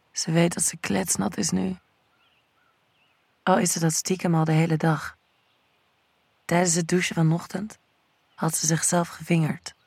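A woman narrating a scripted erotic audio story in a slow, sensual storytelling manner. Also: fairly low pitch, a little mellow, dry recording.

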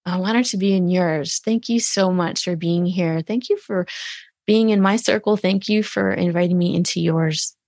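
A middle-aged woman hosts a podcast interview with a gravelly, fry-edged voice that sits somewhat low. She is effusive and affirming and repeats phrases for emphasis. The sound is close and dry. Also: moderate pace, a little mellow, dry recording. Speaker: podcast host. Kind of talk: warm interview chat.

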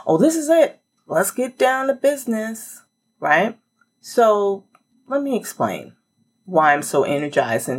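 A middle-aged woman hosting a solo motivational podcast, chatty and emphatic, talking straight to the listener. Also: on the low side. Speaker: podcast host.

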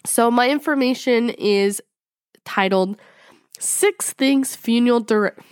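Slightly rough-throated woman reading a list. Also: fairly high pitch, slow pace, dry recording, studio quality. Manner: chatty, giggly, many "like" fillers. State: slightly rough throat after being sick. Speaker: podcast co-host. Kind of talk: reading a list article aloud.

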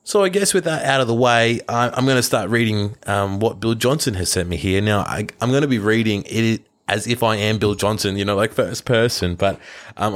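A man hosting a podcast, chatting casually and loosely, with fillers and restarts. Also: lowish voice. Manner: relaxed, rambling, with fillers and restarts. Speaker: podcast host.

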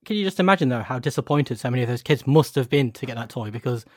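This man speaks quickly at a middle pitch, in an animated, joking way. He co-hosts a casual chat and often turns nostalgic. The sound is dry and close. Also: dry recording. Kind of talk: casual chat about collectible toys.

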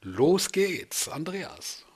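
A man with a somewhat raised voice and very lively swings in pitch, leading an improv storytelling lesson. He explains the exercise step by step as the host. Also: drawn-out words, slightly rough. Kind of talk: instructional hosting.

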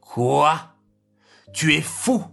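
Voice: mid-range voice, animated, extremely slow, vocal fry, a bit bright, soft background music, full character voice. A storyteller voicing a wealthy diamond merchant who bargains and pleads in a placating tone. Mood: bargaining. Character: diamond merchant, jovial then anxious.

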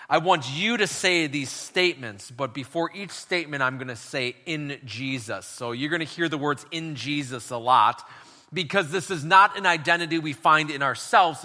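A man's voice: a little high, bright, forceful tone, long reverb tail. A man preaching a sermon as pastor, emphatic and leading his listeners in call and response.

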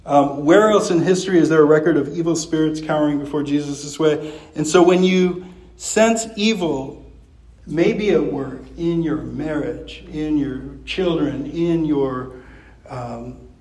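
A man's voice: on the high side, measured pace, darkish tone. Echoey, conversational male pastor preaching. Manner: conversational, with frequent fillers and restarts. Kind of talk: sermon.

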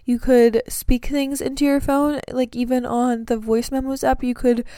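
A woman's voice: sits high, flat delivery, moderate pace, dark tone, clean tone, dry recording, studio quality. A young woman chatting to camera about her life, earnest and sleepy, with many fillers. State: sleepy, yawning. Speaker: vlogger giving breakup advice. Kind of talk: casual chat to camera.

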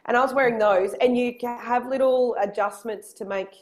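An Australian woman, a personal trainer, chatting casually on a podcast. Her voice carries strongly, as though projected to the back of a room, and she talks with lively energy. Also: a little high. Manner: lively and quick when excited.

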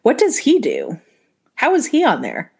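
Lively woman in casual chat. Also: on the high side, vocal fry, slightly rough. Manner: laughs often, quick reactions. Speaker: podcast co-host.

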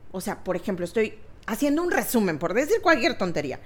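Lively, sing-song woman podcaster. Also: medium pitch, fast. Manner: animated, self-mocking, laughs a lot. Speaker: podcast co-host. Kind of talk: casual chat.

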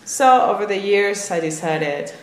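Speaking at a measured pace in a medium pitch, this young Peruvian traveler from Lima shares casual stories as a podcast guest. The recording carries a roomy echo and faint background noise.

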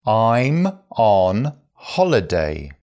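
A man reads phrases for a language lesson, first slowly and then again at normal speed. His pitch moves a lot as he spells out each phrase clearly. The overall pace is slow and careful. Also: very animated, darkish tone. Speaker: phrase teacher.

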